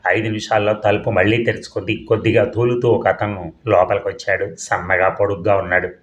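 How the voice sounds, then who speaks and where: A man reading a novel aloud as an audiobook narrator, in a measured, plain storytelling manner. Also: on the low side, little pitch movement. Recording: dull, echoey room.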